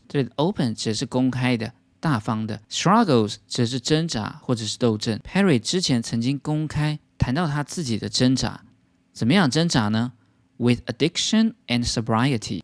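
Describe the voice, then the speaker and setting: A man's voice: medium pitch, no room sound. A man teaching English vocabulary as a patient lesson, explaining words step by step.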